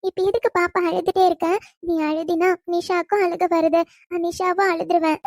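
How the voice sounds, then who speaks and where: A woman voicing a gentle, caring young girl who talks in a soothing, coaxing way. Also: very high-pitched, level tone, moderate pace, no room sound, clean studio sound. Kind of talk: cartoon voice acting.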